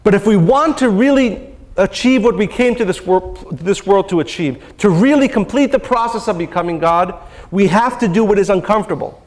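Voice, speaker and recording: Earnest, high-voiced male spiritual teacher. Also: normal speed, darkish tone. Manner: earnest, repeats phrases for emphasis. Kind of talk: seminar lecture with storytelling. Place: lecture hall.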